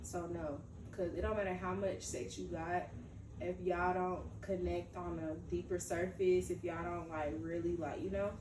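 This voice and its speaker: A woman's voice: fairly low pitch, flat delivery, moderate pace. Laughing young woman, roomy far mic. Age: 20s. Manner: laughs often, loose and joking. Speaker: host. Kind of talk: casual chat. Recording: roomy, distant mic with faint noise.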